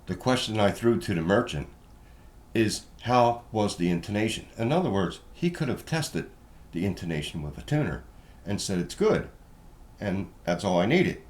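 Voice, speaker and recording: A male guitar reviewer with a fairly low, slightly mellow voice speaks in a sing-song way at normal speed. In a casual hands-on walkthrough, he goes through each check of a guitar inspection step by step in a plainspoken, folksy manner.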